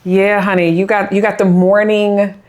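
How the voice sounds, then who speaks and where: A middle-aged woman co-hosting a podcast, excitable and quick to laugh, chatting casually while recording on location. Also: mid-range voice. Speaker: podcast co-host. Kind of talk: casual chat. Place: on location, not in a studio.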